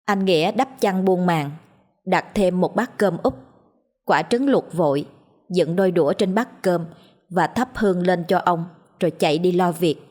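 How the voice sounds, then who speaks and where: A woman storyteller reading a ghost story in a steady, measured way. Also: lowish voice.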